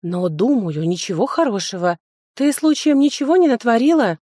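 A woman's voice: fairly high pitch, animated, moderate pace, warm tone, no room sound, studio quality, pitched above the performer's own voice. A woman reading an audiobook and voicing a fussing young female student, her friend, who speaks in an anxious, fussing way.

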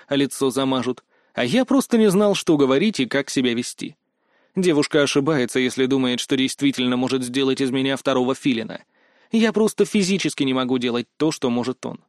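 A man narrating a first-person fantasy audiobook with steady, wry storytelling. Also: medium pitch, brisk, no room sound, studio quality.

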